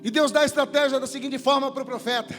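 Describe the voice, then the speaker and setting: A man's voice: very high-pitched, fairly even intonation, fast, a bit bright, in a large hall, soft background music. A male pastor preaching a sermon in a church, fervent and repeating his phrases with cries of praise.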